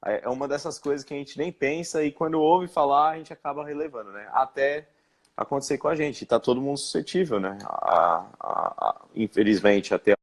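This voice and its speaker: A young man from Brazil speaking in a live-stream interview, recounting his experience with many pauses, fillers and restarts. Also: medium pitch. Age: young adult. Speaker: interviewed guest.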